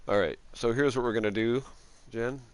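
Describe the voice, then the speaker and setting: A man streaming a video game live, chatting casually and halting with fillers while he sorts out a friend's microphone. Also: mid-range voice, clear, resonant tone.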